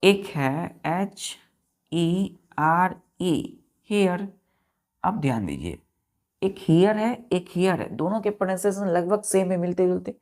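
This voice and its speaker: A man teaches an English vocabulary lesson at an unhurried pace. He spells every word out letter by letter and keeps checking that his students have understood. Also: sits high, animated, a little mellow. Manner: spells words letter by letter and keeps asking if it is clear.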